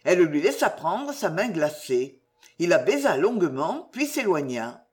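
A woman narrating a classic novel with a lively, expressive pitch. Her reading is measured and unhurried.

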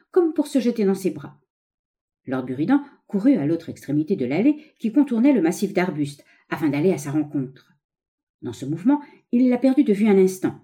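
A woman reads a story aloud as an audiobook narrator, measured and expressive. Her voice is low-pitched and very dark, mellow and warm in tone.

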